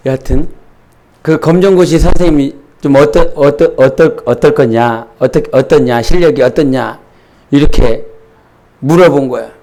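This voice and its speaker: A man's voice: medium pitch, warm tone. A middle-aged man, a pastor, preaching a sermon in church and telling a candid, self-deprecating story full of restarts.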